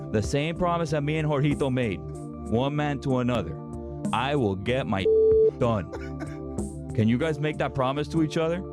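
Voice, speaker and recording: A man playing a brash, hyped-up young Miami superfan with a Cuban-American accent, delivering a booming, dramatic motivational speech in slangy Spanglish over music. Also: lightly acted. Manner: emphatic, dramatic build-ups, slangy Spanglish. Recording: background music under the voice.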